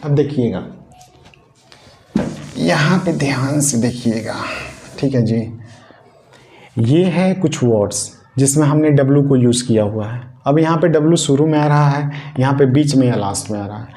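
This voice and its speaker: A man's voice: medium pitch, moderate pace, pauses often, warm tone. Guy teaching grammar, repeats stuff, asks questions, roomy echo, bit of hiss. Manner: explains step by step, repeats and asks the class questions. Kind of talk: Hindi classroom-style grammar lesson. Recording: echoey room with faint noise.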